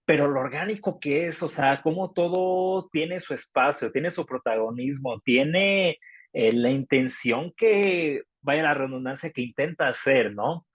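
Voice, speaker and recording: Mexican man, casual music panelist, mid-pitched, rambling delivery, dry mic. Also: unhurried, dry recording. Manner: rambling, many fillers. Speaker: music reviewer.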